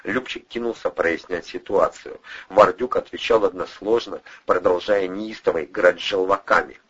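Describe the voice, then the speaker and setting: Brief: low, husky male narrator, steady delivery, dull lo-fi recording. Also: normal speed. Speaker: audiobook narrator. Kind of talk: scripted narration.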